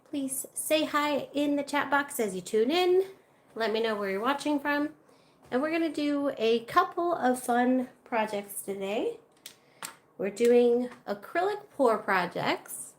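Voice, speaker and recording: This art channel host has a high voice and keeps up a chatty stream of talk with viewers as she works on her craft during a casual livestream. A little congestion colors her speech, and the recording carries a roomy feel with faint room noise.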